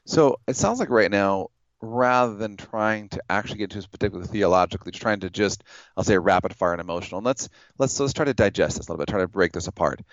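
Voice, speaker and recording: A man debating religion in a measured, explanatory way, building his case with hypothetical examples. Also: fairly low pitch, no room sound, muffled recording.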